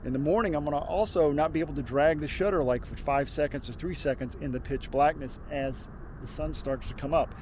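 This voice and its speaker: A landscape photographer in his fifties stands on a windy open hilltop, explaining his camera settings through a lapel mic. His fairly high voice is brisk, and he sounds relaxed, thinking aloud with fillers and restarts.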